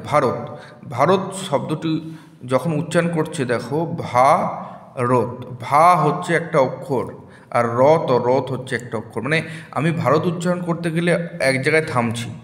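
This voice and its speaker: Man teaching children in an echoey room. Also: medium pitch. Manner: slow, repeats words syllable by syllable for children. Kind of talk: classroom grammar lesson. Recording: echoey room with long reverb.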